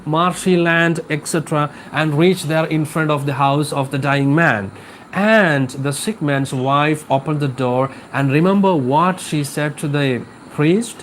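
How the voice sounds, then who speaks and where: A man's voice: a little high, a little hiss or hum, rough recording. A man teaching an English class live, explaining a poem with repetition and questions to his students.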